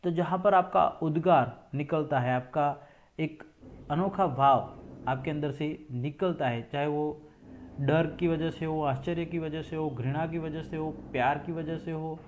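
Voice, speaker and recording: A man's voice: on the high side, darkish tone, a little hiss or hum. A man teaching a school grammar lesson, explaining step by step and repeating examples.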